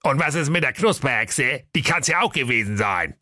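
A man voicing a sly, defensive big bad wolf in a gravelly, dismissive way. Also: mid-range voice, expressive, moderate pace, pushed and bright, no room sound, clean studio sound, pitched above the performer's own voice. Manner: gravelly, dismissive, casual colloquial.

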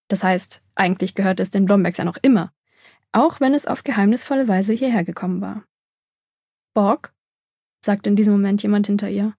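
Breathy woman reading a children's story. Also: mid-range voice, a little mellow, no echo, studio quality. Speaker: audiobook narrator. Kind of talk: scripted children's story narration.

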